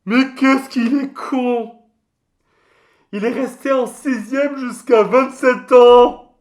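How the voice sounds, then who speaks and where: A man's voice: very high-pitched, fairly even intonation, slow pace. A man voicing a touchy, boastful mascot creature in a comic mock interview, rambling in crude slang. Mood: exasperated. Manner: slangy, crude, hesitant rambling storytelling with outbursts.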